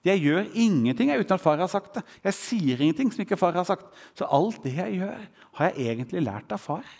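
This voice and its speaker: A man's voice: sits high, sing-song, vocal fry, darkish tone. A man preaching a sermon, quoting scripture with a rising and falling voice. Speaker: pastor. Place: church hall. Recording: church hall reverb.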